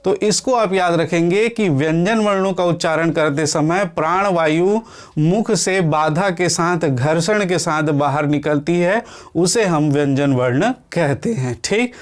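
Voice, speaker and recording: A man gives an exam-prep lesson in a high voice. He works through the material step by step, keeps asking questions and answering them himself, and sounds letters out slowly to show how they are said. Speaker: exam coaching teacher. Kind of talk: classroom lecture.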